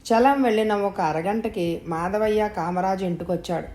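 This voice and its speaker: A woman reading a story aloud as its narrator, telling it at a steady pace. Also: mid-range voice, moderate pace. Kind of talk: audiobook narration.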